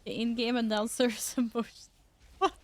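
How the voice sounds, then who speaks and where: A woman's voice: on the high side, level tone, normal speed, a little hiss or hum. A woman live-streaming a game, chatting casually and informally with viewers and teammates, given to exclamations.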